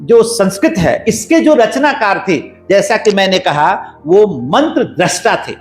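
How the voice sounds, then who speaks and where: A man with a high, animated voice explains things step by step, like a lecturer stacking up points. He sounds unhurried and measured. The room is echoey, and a faint bed of music plays underneath. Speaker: guest scholar. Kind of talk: explanatory podcast talk. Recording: roomy echo, faint background music.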